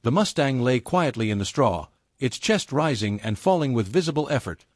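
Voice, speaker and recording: A man's voice: mid-range voice, animated, normal speed, no room sound, studio quality. Man narrating a dramatic story.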